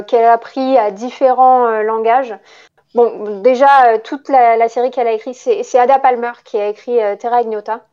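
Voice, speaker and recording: Chatting casually about books as a podcast co-host, this woman talks at length and hesitates often. She sounds warm, clear and resonant, pitched on the high side, though the top end of the audio is missing.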